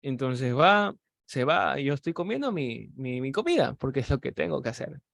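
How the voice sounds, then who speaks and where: A male preacher tells a personal story in an animated way, slipping into the voices of the people in it. He speaks straight to his listeners with practical advice. His voice is mid-pitched and sounds dry and close. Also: normal speed, creaky, no room sound. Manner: animated storytelling, acting out quoted dialogue; addresses the audience directly with practical exhortation. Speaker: preacher teaching evangelism.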